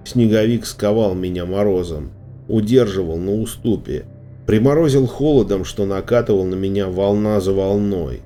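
A man narrating a storybook in a steady, measured reading voice. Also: on the low side. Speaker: audiobook reader. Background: faint music.

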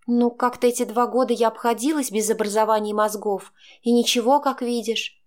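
A woman voicing a defiant young pregnant daughter who speaks in an agitated, sharp way. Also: fairly high pitch, steady tone, a little fast, natural voice.

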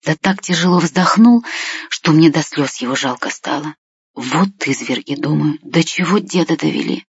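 Brief: audiobook narrator telling a boy's story, lively and ironic, husky, dull recording. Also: mid-range voice, moderate pace, dry recording. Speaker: audiobook reader. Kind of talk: first-person story narration as a boy.

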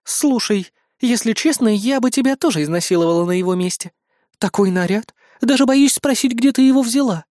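A man voicing a gentle, affectionate woman who soothes her best friend, in an audiobook. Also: very high voice, fairly quick, dry recording, clean studio sound, voice pushed up. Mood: soothing.

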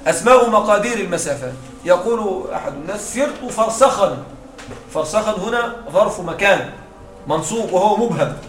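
High-voiced man teaching grammar. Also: expressive, fairly quick, a bit bright. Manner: explains with examples and quizzes students. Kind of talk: classroom grammar lesson. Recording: echoey room with faint noise.

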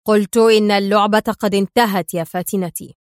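A stern male gunman from a spy storybook, read by a woman storyteller. He speaks firmly and a bit louder, in a dry, close sound. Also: mid-range voice, steady tone, fast talker, no room sound, close to an everyday voice.

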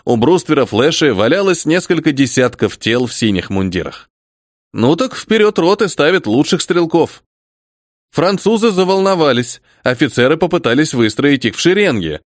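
A man narrating a first-person war audiobook, with a fairly high voice that swings up and down through the sentences. He reads dramatically, close to the mic, in a dry, unechoing room. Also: normal speed, dry recording. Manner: dramatic, expressive reading.

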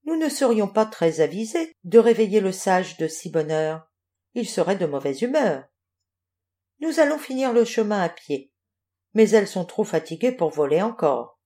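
A woman's voice: mid-range voice, sing-song, moderate pace, warm tone, natural voice. A woman voicing a grumbling, kindly male pelican in a children's audiobook. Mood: calm. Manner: grumbling, reassuring. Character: grumbling male pelican, a patient helpful friend.

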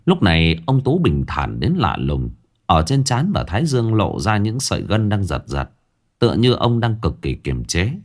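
A man's voice: low voice, moderate pace. Dramatic male ghost story narrator. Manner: dramatic, expressive reading.

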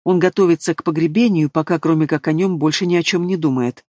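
A man voicing a calm, unruffled middle-aged mother dragon, pitched up above his own voice. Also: quick pace, no echo, clean studio sound, close to an everyday voice. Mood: composed. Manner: composed, unruffled.

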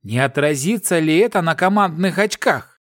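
A man voicing a calm, earnest young man who tries to make peace in his team. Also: a little high, normal speed, dry recording, studio quality, close to an everyday voice. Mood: persuasive.

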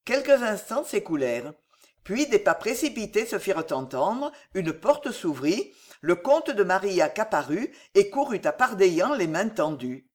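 An audiobook narrator telling a historical novel with expressive storytelling. The pitch is lively and moves freely through each sentence. Scripted narration at a steady pace. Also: unhurried.

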